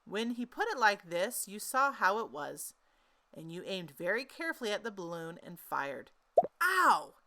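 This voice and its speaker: A woman narrating a children's story in an expressive, animated storytelling manner. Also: medium pitch, moderate pace, slight background noise.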